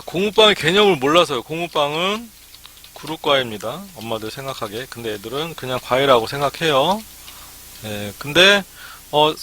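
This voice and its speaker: A man lectures over a live stream in a bright, forward voice, talking in a loose, chatty way and dropping "ne" between points. A faint hiss sits under the recording. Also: mid-range voice. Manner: chatty, frequent "ne" fillers. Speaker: academy startup consultant.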